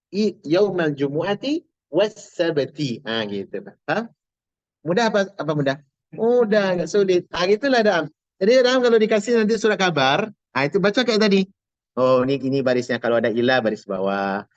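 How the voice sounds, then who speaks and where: A man teaching a classroom grammar lesson, quizzing his students with quick questions and light laughs. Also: fairly high pitch, lively intonation, dry recording. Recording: dull lo-fi classroom recording.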